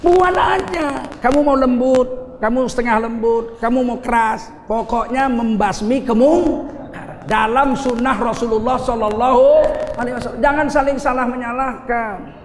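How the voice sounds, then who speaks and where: A middle-aged man preaching a lively sermon with funny stories, animated and teasing, acting out little scenes as he goes. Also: very high voice, normal speed. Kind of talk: lively sermon with humorous anecdotes. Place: large hall at a gathering. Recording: echoey hall, faint ambience.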